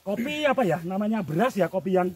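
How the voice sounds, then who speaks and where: Out on a rural hillside where coffee grows, a vlog host with a Javanese accent questions locals in a chatty, inquisitive way, frequently echoing what they tell him. He talks fast in a high, animated, darkish, slightly rough voice.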